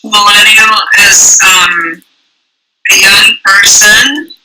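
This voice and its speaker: A woman in her fifties, an air traffic controller, answering slowly and thoughtfully. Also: mid-range voice, steady tone. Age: 50s. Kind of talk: interview answers. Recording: noisy recording.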